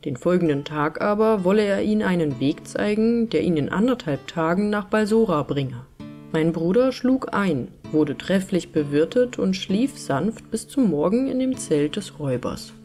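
A woman reading an old fairy tale aloud as an audiobook, with calm, measured narration. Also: fairly low pitch, soft background music. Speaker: storyteller.

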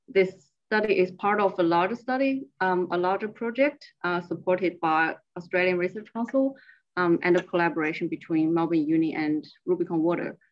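A woman's voice: sits low, muffled recording. A woman research associate giving a slide presentation over a remote screen-share call, explaining her work step by step.

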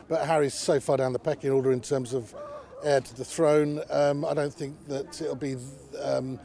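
A man giving conversational interview commentary in a measured, somewhat hesitant manner. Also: mid-range voice, little pitch movement, gravelly, mellow. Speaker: royal commentator.

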